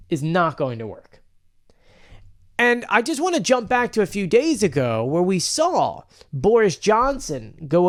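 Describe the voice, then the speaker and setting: A man giving casual political news commentary in an emphatic, rambling way, often arguing straight at the subject he is discussing. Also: high voice.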